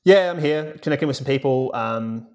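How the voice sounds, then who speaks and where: A man's voice: medium pitch, moderate pace. A man co-hosting and producing a podcast, chatting casually and telling rambling stories with many fillers. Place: remote, recording away from home.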